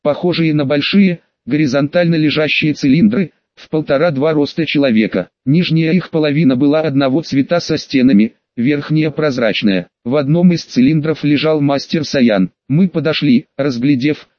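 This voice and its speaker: Guy reading an audiobook, steady, slightly high voice, dry dull audio. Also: moderate pace, few pauses, no echo. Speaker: audiobook narrator. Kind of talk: scripted first-person narration.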